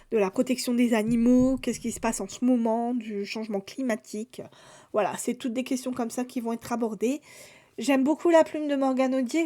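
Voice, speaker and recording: A woman's voice: fairly high pitch, mellow. A woman chatting casually through a book haul, summarizing plots with fillers and restarts. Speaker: book vlogger.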